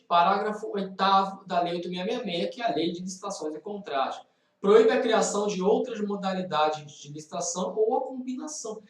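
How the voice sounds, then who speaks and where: A man's voice: sits high, roomy sound, far from the mic, low-quality recording. A man with a Brazilian Portuguese accent teaching law in a live online lesson, explaining exam questions and driving key points home by repeating them. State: tired. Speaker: law professor.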